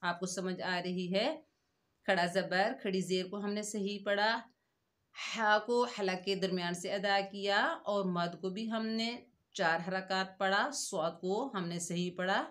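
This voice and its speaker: A woman's voice: medium pitch, fairly even intonation, a bit bright. A woman teaching Quran recitation rules in a tajweed lesson, drawing out the words she recites and asking the listener questions as she explains. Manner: slow, drawn-out recitation contrasted with explanation.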